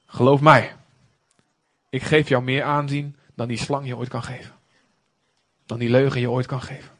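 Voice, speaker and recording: A man's voice: medium pitch, flat delivery, normal speed, fairly bright tone, pitched below the performer's own voice, close to an everyday voice. A man voicing God as a firm, reassuring fatherly figure who urges the listener to trust him.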